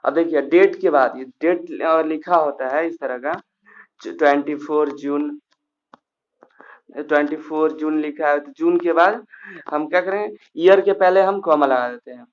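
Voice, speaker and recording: A man teaching a grammar class, walking through each point step by step, often pausing on fillers and starting over. His voice sits a little high. The recording sounds dull and lo-fi. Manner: explains step by step with frequent fillers and restarts.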